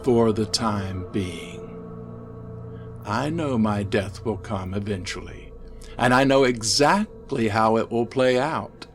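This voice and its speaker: A man with a lowish voice plays an insane, haunted asylum inmate in a gothic horror story, speaking slowly. He is fervent and ominous, swinging from hushed tones to ranting, with soft music in the background.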